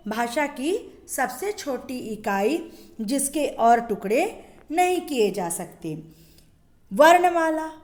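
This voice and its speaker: A schoolteacher with a fairly high, darkish voice teaches a Hindi grammar lesson. She poses questions, answers them herself, and draws out example sounds.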